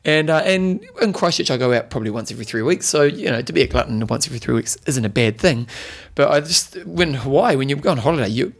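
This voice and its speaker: A man's voice: mid-range voice, lively intonation, fast, gravelly, few pauses. A man with a broad New Zealand accent co-hosting a casual sports chat show, talking in matey, colloquial slang. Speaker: podcast host.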